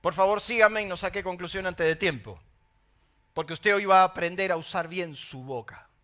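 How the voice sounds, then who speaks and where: A middle-aged Argentine man preaching a sermon as pastor, telling stories in an animated way with emphatic exclamations. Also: high-pitched, normal speed. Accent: Argentine Spanish.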